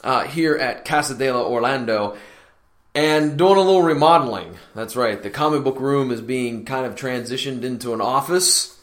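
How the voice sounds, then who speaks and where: A man's voice: medium pitch, moderate pace, a bit bright. A man hosting his podcast in a casual, upbeat, chatty way, speaking straight to his listeners from a near-empty room that gives his voice a hall-like echo. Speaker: podcast host. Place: near-empty home room being remodeled. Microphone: laptop recording setup. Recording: echoey bare room.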